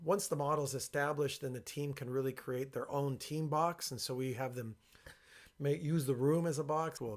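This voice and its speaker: A man presenting informally and explaining his work, speaking with a box over his head, in a creaky voice. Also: mid-range voice. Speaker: workshop creator and presenter.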